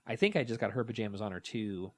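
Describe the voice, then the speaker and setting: A man's voice: lowish voice, quick pace. A man in his thirties co-hosting a podcast, telling stories casually and acting out the quotes. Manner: animated storytelling, acts out quotes. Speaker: podcast co-host. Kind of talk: casual chat.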